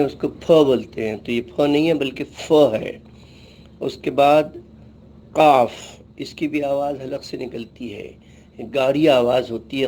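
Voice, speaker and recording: Slow, patient male Urdu teacher. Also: medium pitch, a little mellow, a little hiss or hum. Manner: patient, explains each sound carefully and repeats letter names. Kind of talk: slow alphabet lesson.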